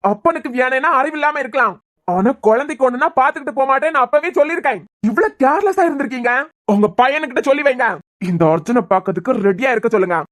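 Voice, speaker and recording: A fast-talking, high-voiced angry young doctor in a cartoon serial, as a woman acts him out, with a Kanyakumari Tamil accent. He scolds and lays down demands in a quick, sharp rush. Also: natural voice.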